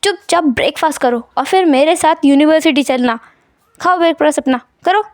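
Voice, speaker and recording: A woman's voice: sits high, brisk, dry recording, clean studio sound, natural voice. A woman voicing a playful young man who whines and yelps dramatically in a storybook retelling. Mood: bossy. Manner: whining, yelping, overdramatic.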